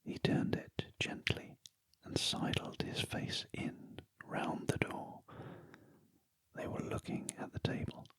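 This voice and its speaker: A British man reading a story aloud in a very soft, breathy ASMR whisper, gently and deliberately, close to the ear. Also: no room sound, rough recording. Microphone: close ASMR microphone, ear to ear.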